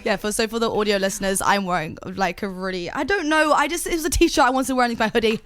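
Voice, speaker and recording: A woman's voice: fairly high pitch, fast talker, fairly bright tone, slight background noise. A woman guest on a podcast, chatting casually, giggly and swearing now and then. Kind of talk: casual chat.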